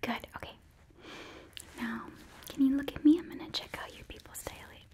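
A woman's voice: high voice, normal speed. Whispering Midwestern American woman, whispered role-play. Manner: gentle, coaxing, as if tending a child. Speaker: ASMR performer playing a school nurse. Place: small indoor room set up as an office.

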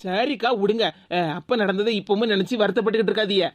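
A woman voicing a blunt, loyal younger woman with a Tirunelveli Tamil accent, sarcastic and quick to retort. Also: mid-range voice, fairly even intonation, no room sound, close to an everyday voice.

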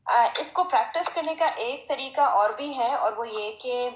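A woman teaches recitation at an unhurried, patient pace. Her voice sits a little high, and she demonstrates sounds with a strong, breathy h. The recording has a noticeable room echo. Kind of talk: Tajweed lesson.

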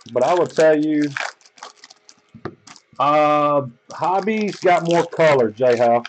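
A man's voice: a little high, a little hiss or hum, poor audio. A man hosting a sports card break, reading out team assignments and chatting loosely with viewers, swearing freely. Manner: loose, profane, rambling talk to viewers.

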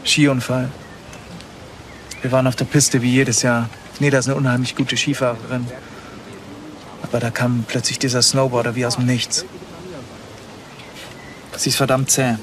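A man's voice: medium pitch, flat delivery, moderate pace, long pauses, crowd noise, lightly acted. An actor playing a devoted young expectant father in a TV drama, earnest and casual. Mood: earnest, proud. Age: young adult. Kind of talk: naturalistic TV hospital drama. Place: outdoor hospital garden. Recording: outdoor ambience, background noise.

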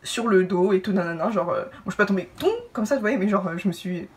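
Young woman vlogger, rapid animated storytime, mic a little off. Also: mid-range voice, recorded from a distance. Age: young adult. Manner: animated, lively asides and acted-out quotes. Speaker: YouTuber telling a personal story. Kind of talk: casual storytime to camera. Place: indoor room, brick wall behind.

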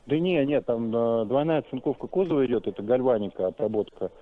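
With a crowd audible behind him, a medium-pitched car salesman speaks at a quick pace on a customer call. The narrow telephone line carries his polite, businesslike explanations.

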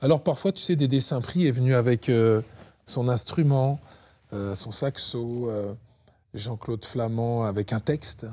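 A man hosting a radio interview, talking informally and warmly familiar with his guest. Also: medium pitch, a little slow. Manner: friendly, informal, addresses guest with tu. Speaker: radio host.

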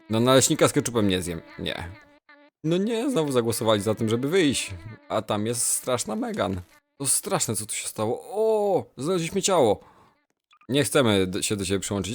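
Young man, game commentary, playful, jokey, very lively pitch, faint music behind. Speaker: gamer. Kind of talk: Roblox let's play commentary.

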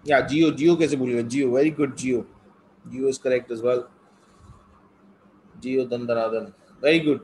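A man's voice: medium pitch, steady tone, a little fast, long pauses, a little mellow, a little hiss or hum, rough recording. A middle-aged man with a North Indian accent, teaching a live online class conversationally and switching between English and Hindi. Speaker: test-prep teacher.

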